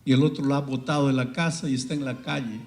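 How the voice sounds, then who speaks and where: A man preaching a sermon, telling a story with sudden swings from hushed, quiet passages to loud, soaring cries. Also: medium pitch, steady tone, fast, reverberant.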